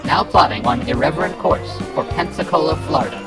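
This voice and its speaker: A man's voice: a little high, brisk, over music, lightly acted. A man voicing a dutiful talking computer navigator, formal and matter-of-fact.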